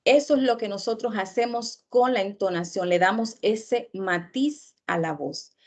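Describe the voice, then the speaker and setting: Female speaking coach, unhurried lecture delivery, middle pitch, emphatic repetition of terms. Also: darkish tone. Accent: Latin American Spanish. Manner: slow, deliberate, repeats key terms for emphasis. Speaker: public speaking instructor. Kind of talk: online workshop lecture.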